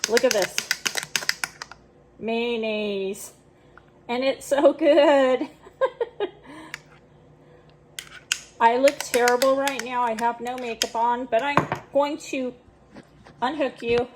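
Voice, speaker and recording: A woman's voice: on the high side, fairly even intonation, takes it slowly, long pauses, noisy background. A woman chatting and giggling through a casual home kitchen cooking demo, a bit self-deprecating.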